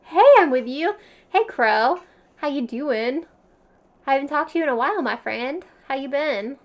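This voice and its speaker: This young woman hosts a livestream with a high voice at a moderate pace, chatting casually in a Valley Girl accent. She's giggly and slangy, laughing often between phrases and dropping "like" constantly.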